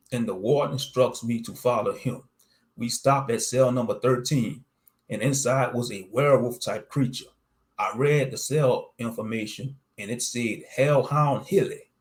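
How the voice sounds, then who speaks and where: A man's voice: mid-range voice, darkish tone. A man reading a scripted first-person story as its narrator.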